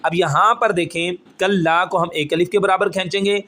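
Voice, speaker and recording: Patient male tajweed teacher, slightly high. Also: fairly even intonation, sharp tone. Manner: explains rules patiently, then recites phrases slowly and drawn out; checks in with the listener often. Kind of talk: step-by-step recitation lesson.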